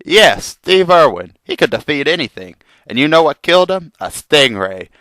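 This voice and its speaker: Man acting river fisherman, helpful adviser, comic drama, expressive intonation, dry close sound. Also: fairly high pitch, moderate pace, no echo. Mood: advising. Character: calm, helpful male river fisherman giving advice. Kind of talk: amateur comic drama dialogue.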